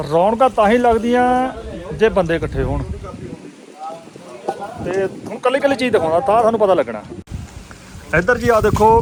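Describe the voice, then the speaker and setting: A man with a Punjabi accent giving casual, hearty vlog commentary and bantering with his companions. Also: high voice. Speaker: vlogger hosting. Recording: chatter of a group behind.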